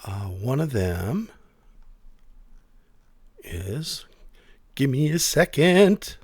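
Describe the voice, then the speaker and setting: A man's voice: mid-range voice, sing-song, very slow, slightly rough, no room sound. A man hosting a music podcast, chatting casually in a sleepy, laid-back, offhand way. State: sleepy, yawning. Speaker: podcast host.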